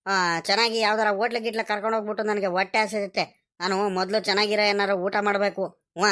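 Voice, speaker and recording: A woman voicing a cheeky, hungry village farmhand who whines and complains, for an animated cartoon. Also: medium pitch, lightly acted. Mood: whiny. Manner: whiny, complaining, drawn-out pleading.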